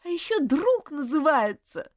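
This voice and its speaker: A woman reading an audiobook, voicing a fiery schoolgirl monitor who is indignant and insistent, with shrill outbursts. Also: sing-song, a little slow, no room sound, clean studio sound. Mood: accusing. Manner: shrill, pleading, loud outbursts.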